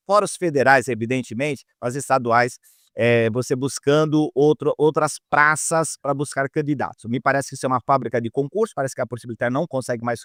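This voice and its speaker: A man's voice: medium pitch, no room sound, studio quality. A man interviewing a guest in casual conversation, often hesitating and restarting.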